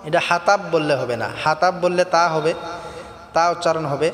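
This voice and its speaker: A man with a Bangladeshi Bengali accent teaching Quran recitation, chanting verses slowly and then explaining pronunciation. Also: a little high, fairly even intonation, a bit bright. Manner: slow drawn-out chanting alternating with quick spoken explanation. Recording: echoey reverb with faint music.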